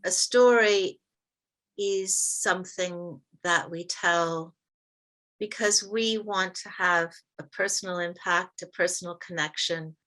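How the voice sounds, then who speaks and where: Workshop leader, woman, light American accent, clear bright tone, deliberate pacing with slowed emphasis, heard over a video call. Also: lowish voice. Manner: measured, stresses words slowly. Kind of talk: interactive workshop teaching.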